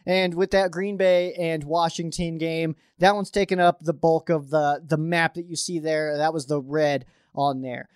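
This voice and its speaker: A man's voice: a little high, fairly even intonation, unhurried, hardly any pauses, clean tone, dry recording, studio quality. A man hosting a sports podcast, giving a casual game preview as an open fan, with lots of fillers and restarts. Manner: openly rooting for the team.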